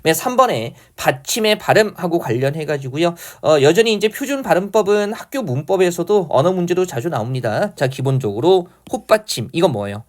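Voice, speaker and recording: Male grammar lecturer, slightly high voice, explains step by step, answers his own questions. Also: animated, brisk, few pauses, darkish tone. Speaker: exam prep lecturer. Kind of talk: online lecture on Korean grammar.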